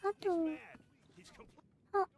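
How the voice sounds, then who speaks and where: A woman giving casual game commentary, musing aloud in short, soft phrases. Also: very slow, soft background music. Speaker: game streamer.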